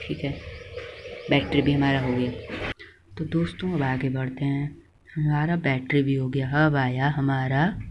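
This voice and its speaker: Guy teaching class real slow, spells stuff out, corrects himself, bit of hiss behind. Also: medium pitch, lo-fi sound. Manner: dictates notes word by word, corrects himself.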